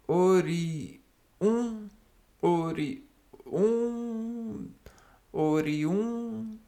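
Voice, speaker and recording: A man slowly reading spelling rules aloud and explaining them to himself, halting and repeating words as he goes. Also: high-pitched, mellow.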